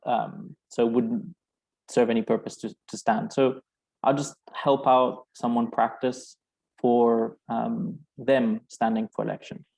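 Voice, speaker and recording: A man with a rough, gravelly voice runs a meeting over a video call. He keeps things relaxed and cracks jokes as he moves the talk along. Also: medium pitch, a little slow, low-quality recording. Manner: relaxed and joking. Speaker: meeting moderator. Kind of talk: casual chat. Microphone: video call microphone.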